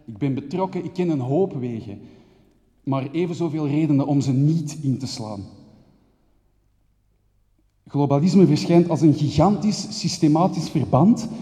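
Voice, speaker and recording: A man's voice: medium pitch, warm tone. A man giving an intense, rhythmic spoken-word monologue as a theater maker, reeling off long lists of words. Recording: long reverb of a hall.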